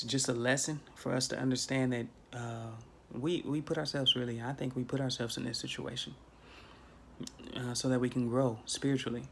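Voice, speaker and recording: A spiritual vlogger in his thirties talks casually into a phone camera held at arm's length in a small bedroom. His mid-range voice is creaky, and he's preachy and emphatic, repeating himself for effect. There's slight background noise.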